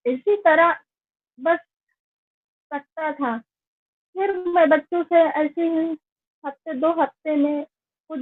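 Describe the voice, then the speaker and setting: A woman tells her own life story in a high, unhurried voice, in an earnest and plain way. The sound is tinny and phone-like, with a dry, close feel. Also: no echo. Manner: slow, earnest, plain recounting. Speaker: network marketing member giving a testimonial. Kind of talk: personal life-story testimony.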